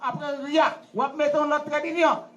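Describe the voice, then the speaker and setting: A high-voiced Haitian pastor preaches at a wedding, his pitch sitting well above most men's. He leads his congregation in call-and-response, quizzing them like a teacher and getting them to repeat lines back to him. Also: little pitch movement, moderate pace, a bit bright, lo-fi sound. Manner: laughing, teacherly questioning. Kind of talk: wedding sermon.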